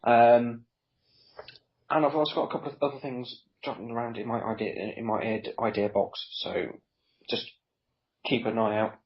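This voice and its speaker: A man's voice: medium pitch, fairly even intonation, moderate pace, long pauses. A man co-hosting a gaming podcast, laying out his plans in an easygoing, rambling way. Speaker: podcast co-host. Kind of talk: casual chat. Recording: dull lo-fi voice recording.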